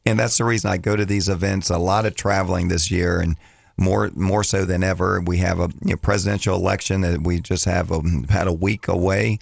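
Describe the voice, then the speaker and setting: A man with a scratchy, slightly hoarse voice talks casually as a financial coach on a radio show, rambling and restarting his phrases. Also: low-pitched, flat delivery, fairly quick, dry recording, studio quality.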